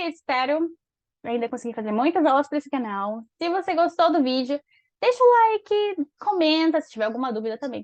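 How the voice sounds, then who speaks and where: A high-pitched woman from Brazil gives an online English lesson, switching between explanations and careful, slow readings of practice dialogue. The sound is dry and a little dull, with the muffled top end of a lo-fi recording. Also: no room sound. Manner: explains in Portuguese, reads English lines slowly and clearly. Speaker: English teacher.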